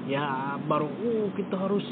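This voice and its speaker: A man's voice: high-pitched, normal speed. A man hosting a casual conversation, talking in rambling, self-correcting runs with frequent fillers. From West Java. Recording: tinny phone-like audio with clear background noise.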